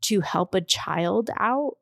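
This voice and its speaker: A woman in her thirties chats on a podcast in a middle-pitched voice. She wanders from point to point in animated stories. The sound is close and dry. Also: slow pace, vocal fry, no room sound. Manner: chatty, rambling, animated storytelling. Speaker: podcast co-host. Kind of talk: casual chat.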